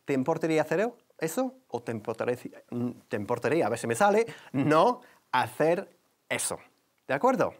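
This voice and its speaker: A man teaching English on TV, explaining phrases and drilling pronunciation by repeating words slowly. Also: a little high, big pitch swings. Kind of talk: TV language lesson.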